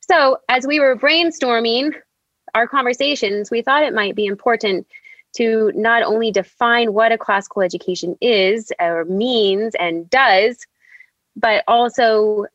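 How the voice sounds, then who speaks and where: A woman's voice: mid-range voice, fairly bright tone, no room sound, dull audio. A woman hosting a podcast, introducing the conversation in a casual, conversational style. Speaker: podcast host.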